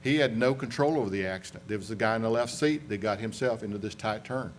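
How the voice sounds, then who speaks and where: This accident investigator from North Carolina talks quickly in a fairly low voice with a Southern US accent. He presents to a conference room in a folksy, meandering style with restarts and side comments, and there's a little hiss or hum on the recording.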